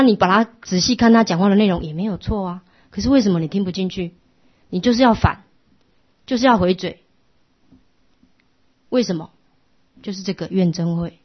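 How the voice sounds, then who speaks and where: A middle-aged woman, giving a patient, instructive Buddhist class lecture that often drops to a soft hush. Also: lowish voice. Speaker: Buddhist teacher. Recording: lo-fi muffled recording.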